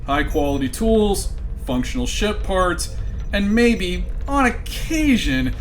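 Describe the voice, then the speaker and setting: A wry, arch narrator in a high register tells a space comedy. The delivery is scripted and dramatic, over faint music. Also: male voice, very animated, takes it slowly, heavily acted.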